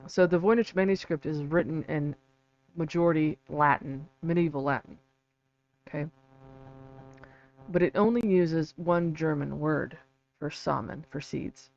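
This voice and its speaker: A man with vocal fry giving a casual, halting livestream explanation, often checking in with a quick "right?" or "okay". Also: fairly high pitch. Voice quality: vocal fry from an old vocal cord injury. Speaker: livestream host and researcher. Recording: dull lo-fi mic with faint hum.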